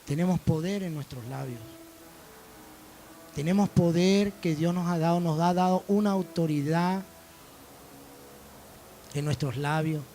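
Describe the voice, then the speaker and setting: A man's voice: fairly high pitch, measured pace, pauses often, mellow, a little hiss or hum. A man preaching a sermon as pastor, telling stories and acting out dialogue. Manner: storytelling preacher, quoting dialogue.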